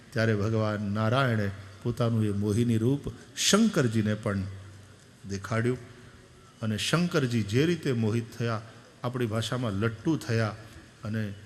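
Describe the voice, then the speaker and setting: A man giving an animated devotional sermon, telling stories and moving from soft to loud. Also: mid-range voice, slight background noise. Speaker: katha preacher. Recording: long echo of a large hall.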